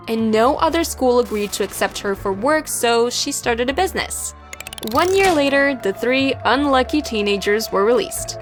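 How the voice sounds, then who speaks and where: Young woman narrating an animated story. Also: on the high side.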